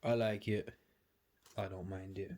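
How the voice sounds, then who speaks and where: A British man with a cold sniffles while chatting casually to a tripod-mounted camera as he unboxes clothes at home, a laid-back, slangy vlogger. His voice is low-pitched and flat, and he talks a little slowly. Background noise is clearly audible.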